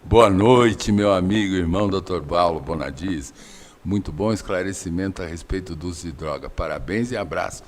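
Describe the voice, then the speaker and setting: A talk show host reading out a listener's message in a deliberately lowered, disguised deep male voice. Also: a little hiss or hum, close to an everyday voice. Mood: warm, formal.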